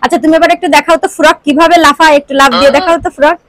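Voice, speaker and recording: A woman's voice: high voice, fairly even intonation, very fast, heavy background noise. A woman filming a little girl for a family vlog, coaxing her in playful baby talk and asking her for animal sounds. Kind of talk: casual vlog chat, talking to a toddler.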